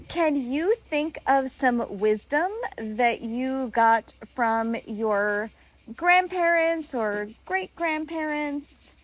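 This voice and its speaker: A woman's voice: sits high, rough recording. A woman hosting a tarot lesson for children, patiently asking a child and a guest simple questions. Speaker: host. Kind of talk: kid-friendly tarot lesson.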